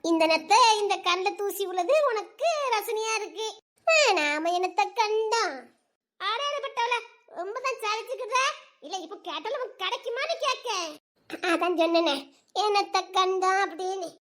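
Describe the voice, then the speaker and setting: A young woman plays a talkative village girl, teasing her friends in a fast, chattering way. Her voice sits very high, and the drama is acted in thick local dialect. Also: a bit bright.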